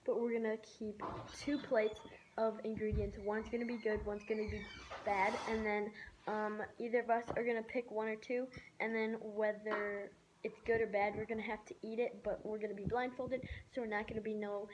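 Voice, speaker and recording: A woman's voice: mid-range voice, little pitch movement, normal speed, lo-fi sound. A teenage girl chatting casually as she presents a challenge in a home kitchen, recorded on a phone camera. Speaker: challenge vlogger. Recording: echoey kitchen, noisy handheld camera audio.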